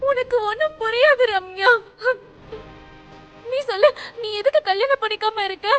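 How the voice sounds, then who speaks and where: A woman's voice: very high voice, moderate pace, a bit bright. An actress playing a young woman who cries and pleads desperately against her forced marriage. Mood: tearful. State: crying. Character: tearful young bride refusing her marriage. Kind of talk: TV serial acting. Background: background score music.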